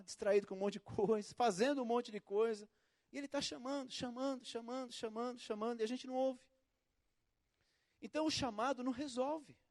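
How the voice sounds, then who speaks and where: High-voiced Brazilian preacher. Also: male voice. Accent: Brazilian Portuguese. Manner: animated storytelling with acted quotes and shouts. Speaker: pastor. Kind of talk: sermon.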